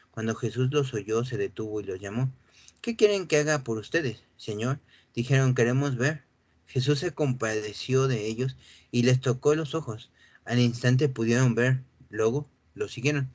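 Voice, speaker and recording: A man preaching a sermon, animated and acting out voices from the scripture reading, who often clears his throat. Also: mid-range voice, no echo. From Mexico.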